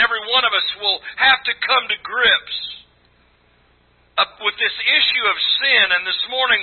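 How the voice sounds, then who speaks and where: A man in his sixties preaching a sermon to a congregation, earnest and emphatic, with a husky, rough-edged voice. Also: high voice. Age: 60s. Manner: earnest, emphatic, exhorting with repeated phrases. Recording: thin, phone-like band-limited sound.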